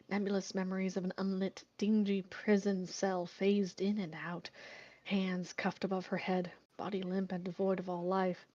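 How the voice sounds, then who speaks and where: Woman host reading fan fiction aloud. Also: lo-fi sound. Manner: laughs often, joking; reads in a low, steady tone.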